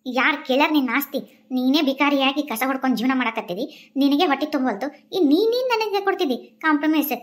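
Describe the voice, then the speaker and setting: Woman as cold young wife, North Karnataka accent, quick and contemptuous. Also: sits high, animated. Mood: scornful. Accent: North Karnataka Kannada. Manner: contemptuous, dismissive.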